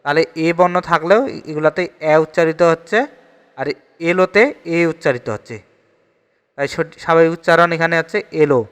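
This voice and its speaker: A man's voice: fairly high pitch, a little fast, a bit bright, clean tone, long reverb tail. A man with a Bangladeshi Bengali accent teaching an exam-prep grammar lesson, steadily reading each question and repeating the answer.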